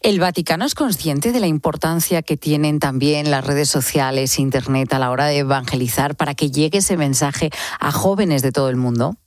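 A woman from hosting a radio interview, asking lively, chatty questions. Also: low voice, moderate pace, dry recording, clean studio sound. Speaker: radio host.

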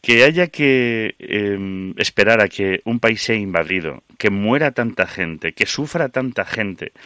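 A man's voice: fairly low pitch, expressive, slow pace, sharp tone, no echo, clean studio sound. A man hosting a radio interview, talking in a conversational, reflective way. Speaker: radio host.

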